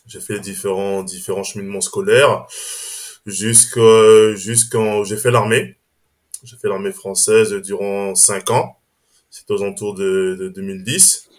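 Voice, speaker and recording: A hesitant man from Strasbourg, France, chats casually as a podcast guest in an interview. His voice is lowish, steady and a little slow, and he restarts phrases, often saying "on va dire."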